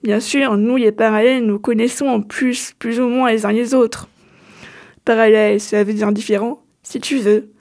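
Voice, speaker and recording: A soft-spoken female guide to a parallel world, read aloud by a woman. She explains things patiently and keeps an even, fairly high voice. The delivery stays close to plain reading. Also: normal speed, lightly acted. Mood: patient explaining.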